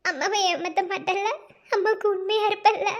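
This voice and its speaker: A woman's voice: very high-pitched, steady tone, fairly quick. A woman voicing a young mother in a cartoon drama, who speaks tenderly to her child through tears. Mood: tearful tender. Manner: tender, tearful, pleading. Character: tearful, loving young mother.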